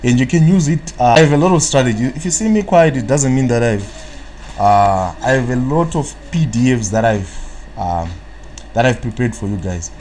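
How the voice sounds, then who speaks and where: Speaking at a normal speed in a medium, slightly mellow voice, this man from Zimbabwe has a Zimbabwean accent and Shona as his first language. He rambles through a live trading analysis stream, filling gaps with "what, what" as he responds to chat, while slight noise sits in the background.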